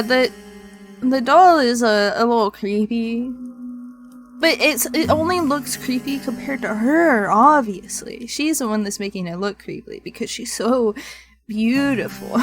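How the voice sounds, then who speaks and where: A woman streamer reading a visual novel aloud in literary narration, with playful casual asides. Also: medium pitch.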